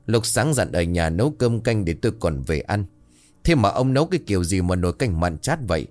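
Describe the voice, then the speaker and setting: Furious nagging old wife played by a male narrator, deep but lively. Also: fairly quick. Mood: scolding. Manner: scolding, yelling. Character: angry older wife, scolding and shrill.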